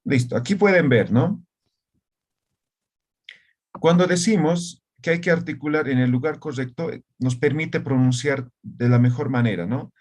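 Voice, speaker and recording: A man's voice: mid-range voice, a little slow, darkish tone. A man teaching an online language lesson, explaining patiently and often checking in with his students, sometimes repeating syllables to demonstrate sounds.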